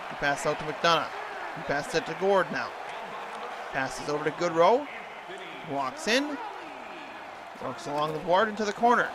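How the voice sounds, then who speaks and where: A man's voice: fairly high pitch, background noise. A man doing hockey play-by-play commentary in an imitation of a TV sports announcer.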